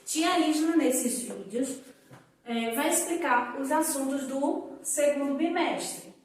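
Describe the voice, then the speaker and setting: High-voiced, slow-speaking woman teacher. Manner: slow, drawn-out example words for children to repeat. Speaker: primary school teacher. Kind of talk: recorded lesson for young children. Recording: echoey room, voice from a distance.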